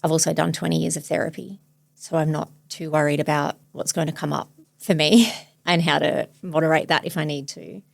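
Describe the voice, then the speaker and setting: A woman in her forties, a therapist hosting a podcast, speaking thoughtfully and searchingly in a soft, reflective way. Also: sits low, steady tone, a little fast, creaky, dry recording. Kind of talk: reflective therapy demonstration chat.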